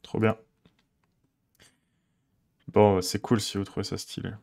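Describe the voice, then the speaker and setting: A man chats with his stream audience as he codes. His voice sits low with a gravelly fry. He rambles easily, hunts for words and laughs lightly at himself. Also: slow pace. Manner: relaxed, rambling, many fillers, chuckles often. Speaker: streamer coding live. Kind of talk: casual live-coding stream chat.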